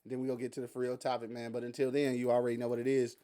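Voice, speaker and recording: A man's voice: medium pitch, monotone, very fast, warm tone, smooth. A man hosting a live radio podcast, laid-back and joking with his co-hosts. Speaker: podcast host. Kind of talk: casual live radio show chat. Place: studio.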